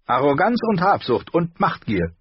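Man doing a stern lady noble, curt, bossy, raised voice, dry husky read. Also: on the high side, big pitch swings, moderate pace, no room sound, lo-fi sound, voice pushed up. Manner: curt and commanding. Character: proud, stern noblewoman, middle-aged.

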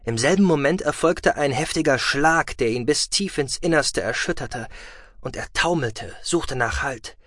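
A man narrates an audiobook in a calm, measured, expressive way. His voice sits at a middle pitch. The recording is dry and close, with no room sound. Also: no room sound. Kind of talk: scripted narration.

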